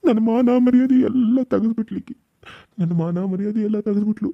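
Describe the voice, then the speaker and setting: A man's voice: high-pitched, a little fast, dry recording, dull audio. A man voicing a young village husband in a cartoon serial, speaking North Karnataka Kannada and repeating himself in anguished outbursts. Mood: bitter.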